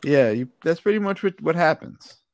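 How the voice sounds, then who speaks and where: A man's voice: a little high, animated, moderate pace, darkish tone, slight background noise. A young man co-hosting a casual podcast, laid-back and hedging, laughing often. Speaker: podcast co-host.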